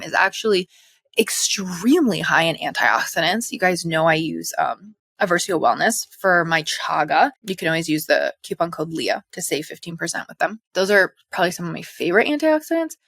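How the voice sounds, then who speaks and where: A young woman in casual educational talk, chatty and animated, a little out of breath, as a hormone health coach. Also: on the low side, vocal fry, no echo. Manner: chatty, animated, full of fillers. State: slightly out of breath.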